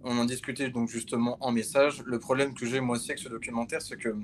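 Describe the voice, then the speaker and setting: A man's voice: mid-range voice, level tone, quick pace. A man with a mid-range voice leads a casual podcast chat, steering the topics along with frequent fillers. A faint hiss sits under his voice. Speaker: podcast co-host. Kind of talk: casual chat about boxing.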